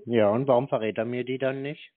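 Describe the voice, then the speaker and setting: A mid-pitched male caller, steady in tone and fairly quick, confronts a call centre over the phone. He's insistent, blunt and colloquial, and the tinny, narrow-band telephone-line recording sounds thin.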